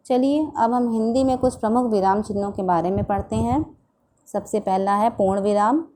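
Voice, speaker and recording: A woman teaching a school grammar lesson, explaining slowly and deliberately and restating each term in simpler words. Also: mid-range voice, mellow, a little hiss or hum. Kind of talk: recorded Hindi grammar lesson.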